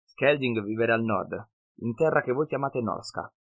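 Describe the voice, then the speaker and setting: A man voicing a cunning half-blood northern wanderer who speaks slow, broken, ungrammatical sentences in an audiobook. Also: mid-range voice, narrow, tinny audio, lightly acted. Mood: cunning, earnest.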